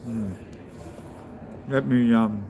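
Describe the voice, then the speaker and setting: A man on a casual live stream, chatting to his viewers in a rambling, relaxed way from a hotel lobby bar. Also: medium pitch, extremely slow, vocal fry. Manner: relaxed, rambling, chats with viewers while eating. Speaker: travel vlogger. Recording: steady background noise of a hotel lobby.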